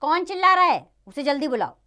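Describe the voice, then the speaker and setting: A woman's voice: a little high, sing-song, moderate pace, fairly bright tone. A woman voicing a foolish, blustering king who barks orders in a children's play reading. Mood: bossy. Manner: commanding, barking orders.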